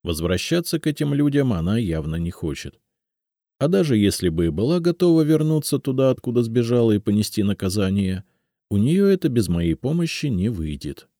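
A man reading a first-person audiobook in a measured storytelling manner. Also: lowish voice, very animated, mellow, no room sound, clean studio sound. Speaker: audiobook narrator. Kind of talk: scripted first-person narration.

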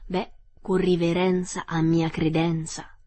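A woman voicing a silly, cracked porcelain clown who teases in slow rhymes. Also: on the low side, level tone, warm tone. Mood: mocking. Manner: teasing, sing-song rhymes.

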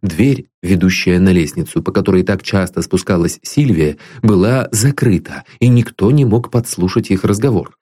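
A man's voice: low-pitched, normal speed, hardly any pauses, dark tone. A man reading a novel aloud as an audiobook narrator, telling the story expressively.

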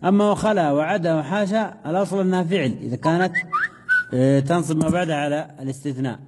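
A man's voice: a little high, long reverb tail, noisy background. A man teaching a grammar lesson, reading a text aloud, then asking the class questions and answering them himself. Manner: reads source text aloud then explains slowly.

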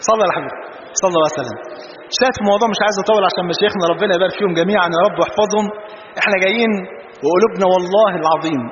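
Rapid high-voiced Egyptian preacher in a hall. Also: male voice. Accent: Egyptian Arabic. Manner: animated storyteller, mixes jokes with religious phrases. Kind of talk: sermon with humorous anecdotes. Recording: dull, roomy, noisy hall recording.

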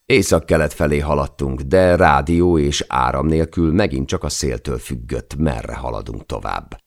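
Man reading an audiobook, super deep voice, gravelly, steady and measured. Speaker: audiobook narrator. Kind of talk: scripted audiobook narration.

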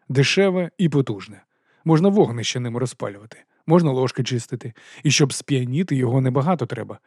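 A man's voice: medium pitch, darkish tone, no room sound. Man reading an audiobook, dry sound. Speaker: audiobook narrator. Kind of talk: scripted narration.

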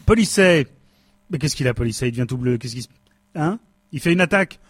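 A man's voice: fairly high pitch, animated, a little fast, slightly rough, no echo, studio quality. A man playing a cynical male company boss who fires his staff with smug sarcasm, in a stage comedy sketch. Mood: smug, sarcastic. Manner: smug, sarcastic, coldly dismissive.

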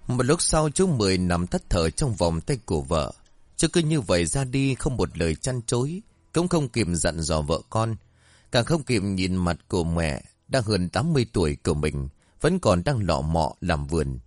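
A man narrating a serialized story in an expressive, dramatic way. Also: sits low, normal speed, no echo.

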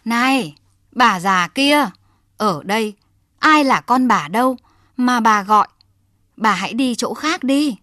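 A woman reading a loud, haughty boat owner. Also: a little high, animated, takes it slowly, pauses often, no echo, studio quality, exaggerated voice. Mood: scornful. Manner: loud, commanding, later wailing and begging. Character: arrogant rich male boat owner, ashamed of his mother.

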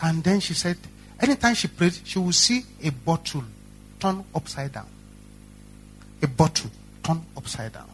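A man's voice: fairly high pitch, normal speed, pauses often, faint music behind. A Nigerian-accented male pastor preaching a sermon, telling stories with lots of repetition. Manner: animated storytelling with repetition.

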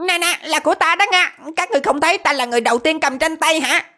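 A man voicing a tiny, brash, pea-sized male ant creature in a shrill, boastful, quarrelsome voice. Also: fast talker, sharp tone, exaggerated voice. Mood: shrill boasting.

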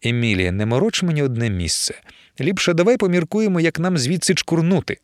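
A man voicing a cautious, nervous gentleman in an audiobook. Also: fairly high pitch, lively intonation, brisk, no room sound, clean studio sound, pitched above the performer's own voice, lightly acted. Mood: worried.

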